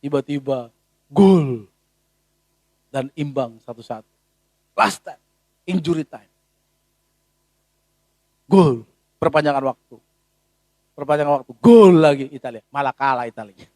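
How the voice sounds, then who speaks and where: A pastor preaching a sermon in a casual, animated way, full of rhetorical questions. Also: male voice, on the high side, measured pace, long pauses, no echo.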